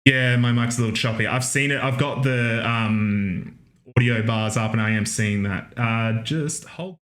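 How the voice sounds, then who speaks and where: A man's voice: mid-range voice, unhurried, fairly bright tone. A man whose choppy audio cuts off the ends of his words. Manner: chatty, joking, restarts words. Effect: choppy audio from a noise gate clipping word endings. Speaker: online lecturer. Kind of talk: casual live-streamed lecture. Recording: echoey room on a home mic.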